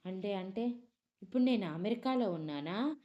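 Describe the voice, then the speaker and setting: A woman voicing an angry, bewildered young woman who has been kidnapped and shouts indignant questions. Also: mid-range voice, expressive, normal speed, highs cut off, voice pushed up, close to an everyday voice.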